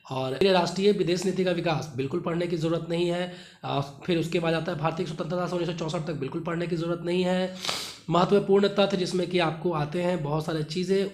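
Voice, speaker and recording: High-voiced man coaching exam students. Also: reverberant. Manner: instructive, repeats points with tag questions. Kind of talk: study guidance lesson.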